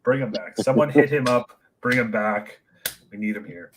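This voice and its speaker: A man's voice: medium pitch, moderate pace, rough recording. A man who wrote the trivia questions, announcing the answers and the scores with wry jokes. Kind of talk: casual chat.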